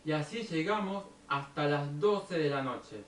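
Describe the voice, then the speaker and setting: A man with a Rioplatense Argentine accent telling a personal story at an unhurried pace and drawing a lesson from it. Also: a little high, expressive. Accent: Rioplatense Argentine Spanish. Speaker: video blogger. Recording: echoey room, distant from the mic, faint background noise.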